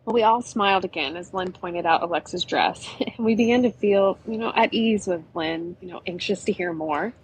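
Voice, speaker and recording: A woman's voice: lowish voice, moderate pace, hardly any pauses, slight background noise, low-quality recording. A woman narrating an adventure story in a chatty, conversational way. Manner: chatty, with frequent "you know".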